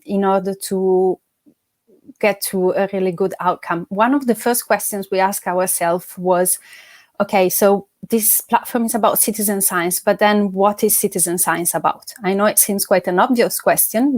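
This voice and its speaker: A woman's voice: medium pitch, a little mellow, dry recording. A woman moderates an online conference session over a call, her voice dry and close with no room sound. She speaks politely, with fillers and apologies as she hands over to speakers.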